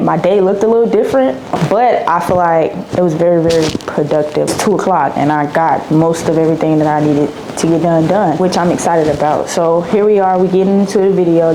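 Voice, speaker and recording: Young woman vlogger, low voice, chatty and slangy, answers viewer questions, steady hiss behind her. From Dallas, Texas. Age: 20s. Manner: chatty, slangy, repeats herself. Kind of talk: casual Q&A vlog.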